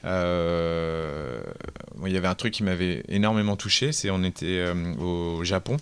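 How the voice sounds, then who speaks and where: A low-voiced man recounting a story in a relaxed interview. He talks in a loose, rambling way, full of fillers. When he quotes people, he jumps up loudly and animatedly. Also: measured pace, clear, resonant tone. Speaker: film director. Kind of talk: casual interview anecdote.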